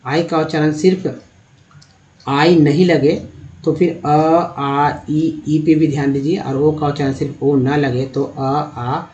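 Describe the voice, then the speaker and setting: A man's voice: on the high side, steady tone, a little slow, a little mellow, lo-fi sound. A man with a Hindi accent teaching English pronunciation, patiently drawing out the words he demonstrates. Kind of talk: explaining pronunciation to learners.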